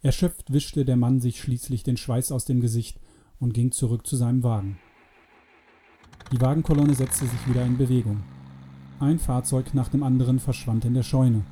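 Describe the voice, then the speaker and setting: A man narrating an adventure story in a calm, measured audiobook reading. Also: mid-range voice, slightly rough.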